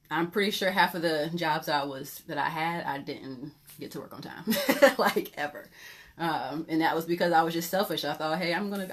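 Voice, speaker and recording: A woman pastor giving an informal Bible teaching, talking conversationally with many fillers and candid personal stories. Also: sits low. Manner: conversational, filler-heavy, candid and self-revealing.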